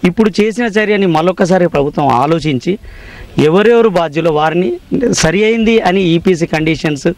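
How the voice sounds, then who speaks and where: A male engineer speaking in a deliberate, technical and aggrieved way during an interview. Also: sits high, dry recording. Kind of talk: interview statement.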